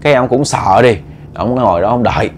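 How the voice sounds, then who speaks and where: A man's voice: mid-range voice, a little fast, a little hiss or hum. Casual male ghost storyteller, Southern accent. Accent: Southern Vietnamese. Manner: casual, conversational, with repeated words. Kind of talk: late-night ghost story narration.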